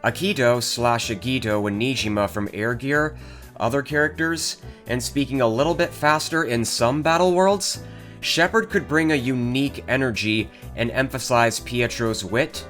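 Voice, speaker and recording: A man's voice: mid-range voice, moderate pace, fairly bright tone. A man reading scripted narration as the host of a video. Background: guitar music.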